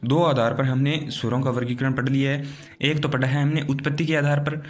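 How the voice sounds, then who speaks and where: Male teacher for an exam-prep grammar class, explains step by step, keeps checking in with the class, faint music behind. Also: medium pitch. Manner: explains step by step, often asks "theek hai na?"; asks questions, then answers them himself.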